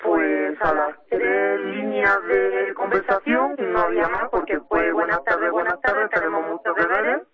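Una mujer entrevistada en la radio como madre, con la voz distorsionada y bajada de tono para ocultar su identidad. Cuenta su historia con cuidado y vacila a menudo. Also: female voice, unhurried, hardly any pauses, highs cut off, over loud music. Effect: voice distorted and pitched down to hide her identity. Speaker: mother interviewed as radio guest. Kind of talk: personal account in a radio interview.

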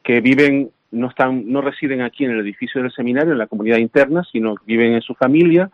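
Canarian priest rambling with lots of restarts, muffled dry radio sound. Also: male voice, medium pitch, no room sound. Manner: halting, full of restarts and fillers. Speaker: seminary rector. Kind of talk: interview answer.

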